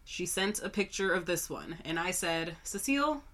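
A woman's voice: on the low side, moderate pace, a bit bright. A woman co-hosting a podcast in casual, sweary chat, a little nasal and congested from a cold. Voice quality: nasal, stuffed up. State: sick with a cold. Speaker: podcast co-host.

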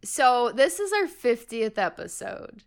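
A woman's voice: fairly high pitch, very animated, unhurried, gravelly. A woman in her twenties co-hosting a podcast, chatting casually, rambling through stories with giggles and plenty of swearing. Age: 20s. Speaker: podcast co-host. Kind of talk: casual chat.

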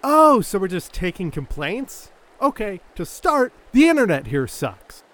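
A man's voice: high voice, big pitch swings, measured pace, a bit bright, full character voice. A man playing a sarcastic, troublemaking young soldier in a comedic audio drama. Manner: smug, sarcastic.

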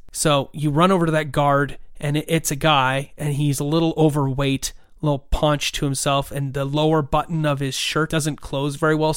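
A man's voice: a little high, smooth, no echo, clean studio sound. A man running a tabletop role-playing game as game master, describing scenes in detail and prompting players with questions.

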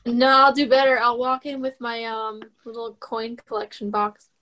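A woman's voice: fairly high pitch, level tone, moderate pace, bright, forceful tone. A woman chatting and bantering casually as a player in a tabletop game.

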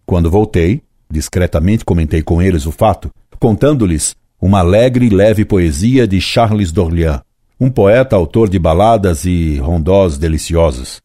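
Brief: older man in his 70s, very low dark voice, dry close sound, solemn reflective reading. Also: dry recording. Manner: slow, solemn, measured delivery with long pauses. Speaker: history teacher. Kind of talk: reflective scripted narration.

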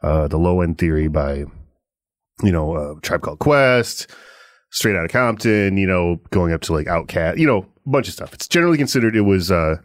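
A man's voice: low voice, expressive, moderate pace, no echo, clean studio sound. A man co-hosting a podcast, rambling casually about music and often restarting his sentences. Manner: rambling, hesitant, with frequent restarts and laughs. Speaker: podcast co-host.

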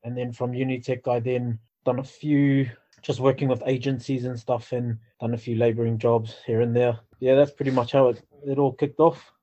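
A man's voice: medium pitch, flat delivery, normal speed, warm tone. A man with a New Zealand accent chatting casually as a podcast guest, laid-back and informal, on a slightly dull, lo-fi recording. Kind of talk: casual chat.

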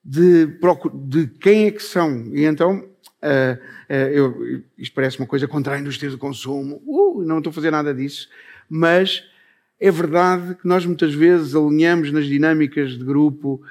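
A man with a Portuguese accent giving a talk on stage about improvisation, speaking thoughtfully with frequent pauses. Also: on the high side, steady tone, darkish tone. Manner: thoughtful, pausing often. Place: on a stage before an audience.

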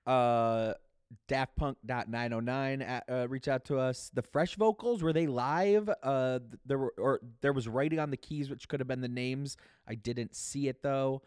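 Smooth-voiced rambling podcast host. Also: male voice, mid-range voice, moderate pace, darkish tone, no room sound, clean studio sound. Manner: rambling, laughs often. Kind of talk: casual chat.

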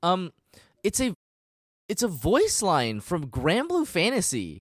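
A podcast co-host, male, chats casually and explains things in a rambling, hesitant manner. His voice is high with wildly swooping pitch, and he speaks slowly. The studio recording is clean, with no room sound.

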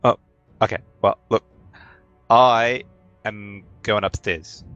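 A man voicing a gruff, drunken male adventurer who grumbles in a tabletop game. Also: on the low side, fairly even intonation, slow pace, fairly bright tone, dry recording, dull audio, faint music behind. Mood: grumpy.

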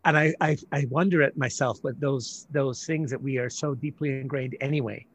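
A man's voice: mid-range voice, fairly even intonation, brisk, slightly rough. A man who is the author guest in an interview, speaking thoughtfully and repeating words as he searches for them. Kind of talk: conversational interview.

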